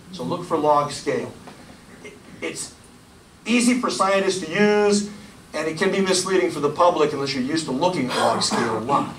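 A man in his forties giving a loud, energetic public science lecture to a room of listeners. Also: fairly high pitch, a little hiss or hum. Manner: loud, energetic, gestures and points at slides. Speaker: county hydrogeologist giving a public talk. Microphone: lapel mic, filmed from the room. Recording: echoey room, voice from far off.

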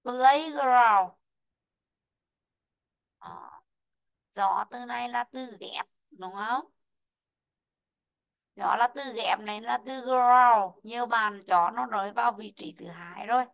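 A woman teaching an online English lesson, slowly modelling word stress and calling out students who answered right. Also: a little high, creaky, a bit bright, lo-fi sound. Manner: slow, drawn-out model pronunciations of English words; calls out student names and marks answers right.

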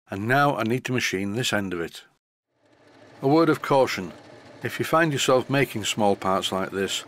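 Speaking into a high-end studio microphone in a dry recording, an older model engineering tutor from northern England narrates an unscripted workshop voice-over. His accent is softened, his manner relaxed, and he has a slight stutter.

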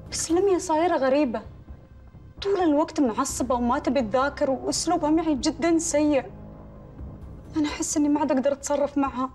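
A woman playing a worn-out, high-voiced mother. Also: quick pace, a little mellow, faint music behind, close to an everyday voice. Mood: weary. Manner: weary, pleading. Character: worn-out mother worried about her daughter. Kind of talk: TV drama acting.

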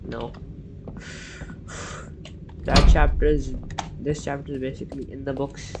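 A woman playing a horror game and commentating, reacting loudly and swearing when startled. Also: very deep voice, level tone, measured pace, heavy background noise. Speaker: let's-play gamer. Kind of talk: gaming commentary.

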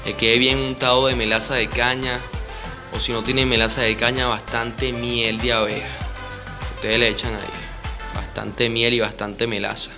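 A Venezuelan-accented man leads a home ritual and explains each step to the people watching. He talks directly to viewers and repeats his instructions over and over. His voice sits at an ordinary middle pitch, and music plays clearly behind him. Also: level tone, normal speed. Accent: Venezuelan Spanish. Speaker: spiritist ritual guide. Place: indoor room with a home altar.

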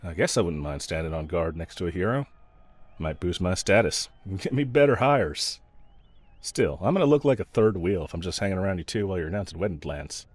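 In a fantasy audio roleplay, a man plays a snarky, pragmatic but protective mercenary escort, addressing the listener in a wry, teasing, laid-back way. His voice sits low and is animated and fairly quick, with a breathy edge.

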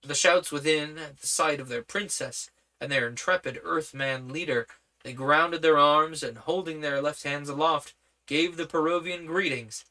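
A man's voice: on the high side, moderate pace, bright, forceful tone. A man reading an adventure story aloud as a narrator. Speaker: reader on a streamed book reading. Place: indoor room, seated at webcam.

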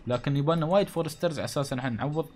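A man with a Gulf Arabic accent talks through a city-building game at a brisk clip, thinking aloud as he plays. He grumbles and jokes at the game's workers. A faint hiss sits under his studio-mic voice. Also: on the high side, a little mellow. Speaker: gaming channel host. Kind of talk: casual gameplay commentary. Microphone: studio condenser mic.

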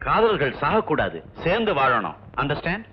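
An actor playing a pompous, hypocritical middle-aged film director who lectures and scorns. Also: male voice, fairly high pitch, wildly swooping pitch, brisk, background noise. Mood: lecturing. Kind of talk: 1980s film dialogue. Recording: dull old film soundtrack.

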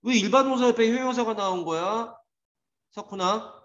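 A man teaching an English grammar lesson to a class, lively and teasing, scolding students. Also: high-pitched, normal speed. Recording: dull echoey classroom recording.

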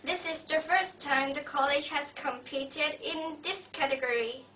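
A high, bright female voice makes scripted announcements as a presenter. She sounds a little far from the microphone. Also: fairly even intonation, unhurried. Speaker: assembly presenter. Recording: slightly distant microphone.

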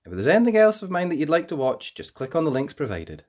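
A read-aloud show host reads a children's picture book in a playful, theatrical style, stretching out key words for emphasis. The voice sits mid-range with huge pitch swings, moves fast, and has a slightly mellow quality.

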